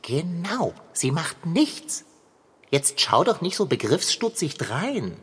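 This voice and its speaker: A woman voicing a bossy know-it-all male cat in a children's radio play, with a husky voice and a theatrical, commanding manner. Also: sits low, very animated, slow, long reverb tail, heavily acted. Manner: bossy, theatrical, ordering about.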